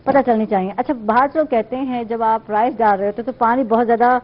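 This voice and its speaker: A woman's voice: on the high side, steady tone, lo-fi sound. A woman hosting a morning show cooking segment, chatting along and affirming her guest often. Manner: chatty, affirming with frequent "theek hai". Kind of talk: live cooking segment chat.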